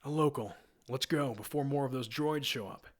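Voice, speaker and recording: A man reading the lines of a calm, stern older male space knight in a curt, flat way, in an amateur screenplay reading. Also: medium pitch, normal speed, lightly acted.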